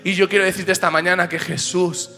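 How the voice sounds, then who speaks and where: A male pastor preaching a passionate sermon in a church, swinging from hushed lines to shouts. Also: sits high, level tone, a little fast. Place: church auditorium. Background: soft piano.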